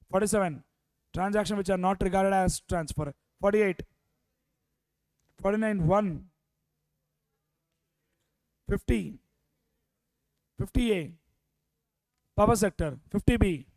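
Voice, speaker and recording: A man's voice: sits high, a little mellow, no room sound, poor audio. A man with an Indian accent lecturing a revision class, prompting students with repeated questions and dropping Hindi phrases into his English. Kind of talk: interactive exam revision lecture.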